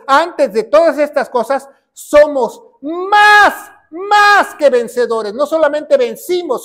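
A man preaching a sermon as a pastor. He asks questions, answers them himself, repeats key phrases and rises to shouts. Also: very high voice.

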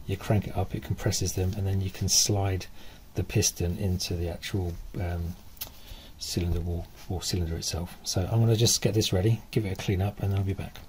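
A middle-aged man talking casually while he rebuilds a car engine outdoors, thinking aloud with pauses and fillers. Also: low voice, fairly even intonation, darkish tone, a little hiss or hum. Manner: thinking aloud, stop-start explaining with fillers. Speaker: DIY car mechanic. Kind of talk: casual workshop explanation. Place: outdoor driveway.

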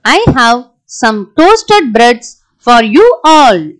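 A woman's voice: a little high, very animated, extremely slow, exaggerated voice. A woman voicing a cheerful schoolchild in a school puppet show. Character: cheerful schoolchild Kavi, friendly.

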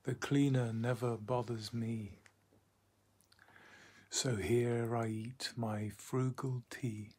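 A man reciting a rhyming poem in a hushed, half-whispered delivery, with deliberate phrasing and long pauses. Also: mid-range voice, steady tone, husky. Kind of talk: poetry recitation.

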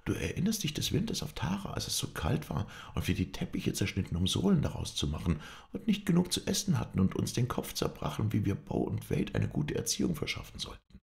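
A man reading an audiobook voices a proud young woman who pleads and then defiantly defends herself, lifting his voice high. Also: huge pitch swings, a little fast, gravelly, few pauses, a little mellow, heavily acted.

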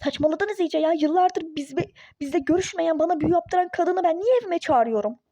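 A woman's voice: extremely high pitch, brisk, mellow, no echo. A woman voicing an irritable, skeptical young pregnant mother in a phone-game role-play story, snappish and sarcastic. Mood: exasperated.

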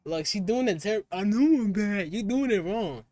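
This Omegle video chat host, a man in his 20s, wears a headset and trades casual, slangy banter with strangers, teasing them brashly. He has a high, expressive, mellow voice at a moderate pace, recorded dry. The room around him is small, dim, and filled with colored lights.

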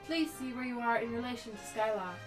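A woman voicing a calm female sword spirit guide, reading on-screen game text aloud in a formal, even manner over loud game music. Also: a little high, brisk, lightly acted.

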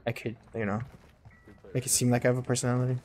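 Excitable man streaming a shooter game. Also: medium pitch, fast talker, heavy background noise. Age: 30s. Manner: excitable, swears, chants silly nonsense. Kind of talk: casual gaming chat with friends.

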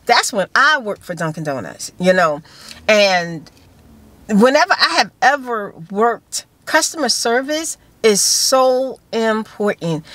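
A fifty-year-old woman chats to her phone camera from a parked car, talking with her hands and circling back to repeat her points. Her voice sits a little high for a woman. The sound is close and dry, with no room echo. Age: 50s. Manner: animated storytelling with hand gestures and repeated phrases. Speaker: vlogger. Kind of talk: casual chat to camera. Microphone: phone camera held close.

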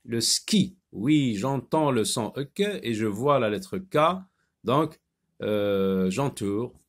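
A man teaching a phonics lesson to children, stretching out sounds and words and pausing on hesitation fillers. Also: medium pitch, expressive. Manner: slow, drawn-out repetition of sounds and words.

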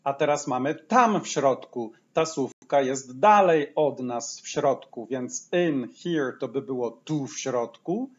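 A man teaching a language lesson, patiently explaining and saying each example phrase slowly twice. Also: mid-range voice, highs cut off. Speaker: English teacher.

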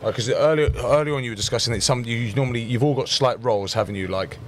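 A man's voice: medium pitch, fast talker, a little hiss or hum. A young man hosting a podcast, asking rambling questions with many restarts. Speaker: podcast host, rugby player. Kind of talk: casual interviewing.

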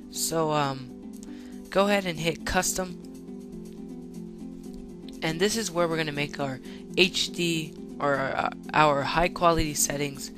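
A man with a squeaky voice giving a casual, step-by-step software tutorial as its host. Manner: instructional, step-by-step. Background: background music.

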